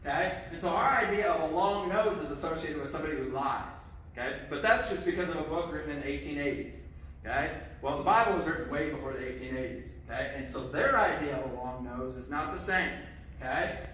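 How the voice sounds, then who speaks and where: Recorded from far off in an echoey church sanctuary with the congregation present, this middle-aged pastor moves a little fast through a lively children's sermon. He keeps asking the kids questions and saying "okay," his voice slightly high, with slight background noise.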